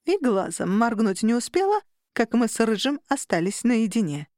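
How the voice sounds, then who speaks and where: A woman narrating a first-person audiobook in a lively, expressive, playful way. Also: fairly high pitch, normal speed, no room sound, clean studio sound.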